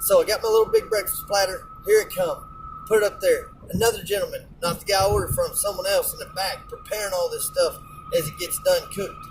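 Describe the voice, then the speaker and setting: A man's voice: sits high, steady tone, fairly quick, recorded from a distance, background noise. A man, a truck driver, telling a rambling, colloquial story in a casual rant, often repeating words and restarting sentences.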